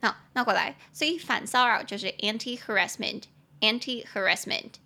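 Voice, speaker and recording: A woman from Taiwan hosting a bilingual English lesson podcast, chatting casually and slowing down to spell and repeat English words. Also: fairly high pitch, pushed and bright, slight background noise. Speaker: podcast host teaching English.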